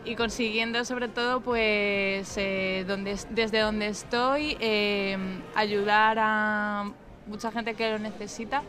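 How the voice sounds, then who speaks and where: A woman from Madrid speaks with a Madrid Spanish accent in a medium-pitched, steady voice at a slow pace. In a casual interview, she answers hesitantly, with many fillers and restarts, while loud music plays in the background.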